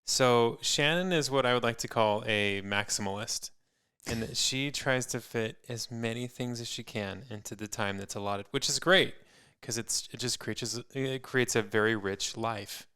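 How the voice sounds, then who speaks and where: A man's voice: mid-range voice, moderate pace, bright, forceful tone, clean tone. A man co-hosting a podcast in casual chat, an easygoing storyteller who laughs often. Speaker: podcast co-host.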